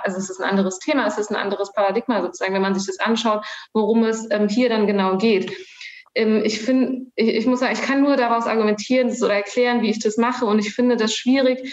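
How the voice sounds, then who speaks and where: A woman from Germany joins a live online panel by video call. She talks as she thinks, with many restarts and soft laughs. Her voice rings in a roomy space, and the audio sounds dull. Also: medium pitch. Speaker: panel guest.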